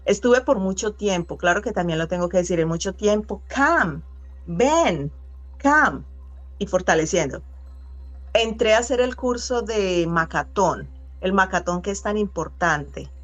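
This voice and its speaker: A middle-aged woman speaking as an interview guest, earnest and reflective, pausing and restarting as she thinks. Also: mid-range voice, soft background music. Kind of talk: conversational interview.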